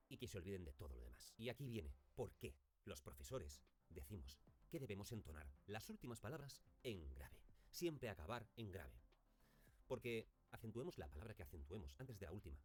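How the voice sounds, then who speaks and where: A man, a teacher giving a recorded lesson on intonation and demonstrating stressed words in example phrases. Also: on the low side. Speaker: speech teacher.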